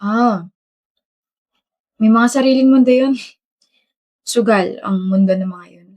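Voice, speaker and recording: A woman's voice: fairly high pitch, slow, darkish tone. A woman acting out a romantic skit, trading teasing, bickering lines. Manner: teasing, bickering back-and-forth. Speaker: skit actor. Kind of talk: scripted romantic skit dialogue.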